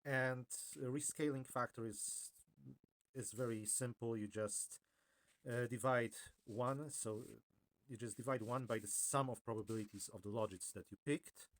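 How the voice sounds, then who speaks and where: A man presenting an informal technical explainer in a hesitant, halting way, often correcting himself. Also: medium pitch. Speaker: video presenter.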